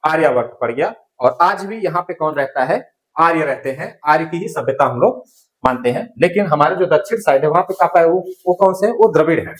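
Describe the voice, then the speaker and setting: A man's voice: on the high side, animated, fairly quick, poor audio. A male teacher giving a lesson, writing on a board, who keeps asking questions and answering them himself, repeating key words and correcting slips. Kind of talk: classroom lecture. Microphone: writing on a board while talking.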